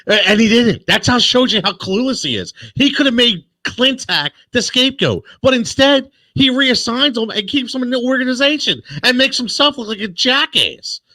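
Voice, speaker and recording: A man's voice: extremely high pitch, animated, normal speed, hardly any pauses, pushed and bright. A man co-hosting a sports podcast, blunt and fired up. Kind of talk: casual sports debate.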